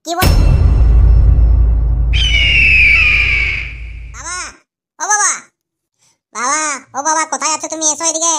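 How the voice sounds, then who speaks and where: A performer voicing a squabbling young boy in a cartoon, with a squeaky, high child voice and quick, whiny bickering. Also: sharp tone, shouting. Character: squabbling young boy, street vegetable seller. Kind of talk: cartoon voice acting.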